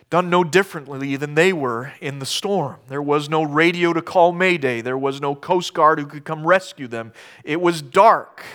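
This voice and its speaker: A middle-aged male pastor preaching a sermon, shifting between hushed storytelling and loud, impassioned outbursts. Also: mid-range voice.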